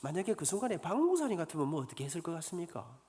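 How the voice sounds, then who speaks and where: A man voicing a calm male pastor who needles his friend. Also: a little high, racing, long reverb tail. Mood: needling.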